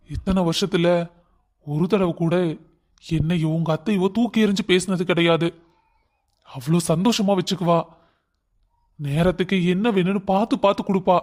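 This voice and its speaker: A man's voice: high-pitched, lightly acted. A man voicing a stern older father who scolds and lectures his family in a cartoon story.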